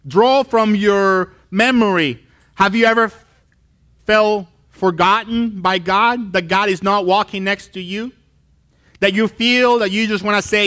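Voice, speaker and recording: A man in his thirties from Colombia preaches on a church stage with a wood wall, his voice sitting high, pushed and bright. As a pastor, he narrates a story animatedly and gives the characters acted-out voices.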